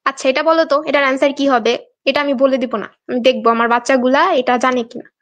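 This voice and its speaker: A young Bangladeshi woman teaches an online exam class live, speaking quickly in a high, steady, fairly bright voice. She chats and coaxes her students along, reading their answers aloud, and the audio sounds dull.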